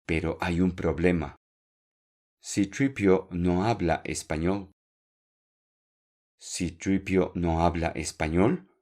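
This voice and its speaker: A man teaching a podcast Spanish lesson, speaking slowly and clearly, repeating words for learners and encouraging them. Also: low-pitched, steady tone, a little mellow.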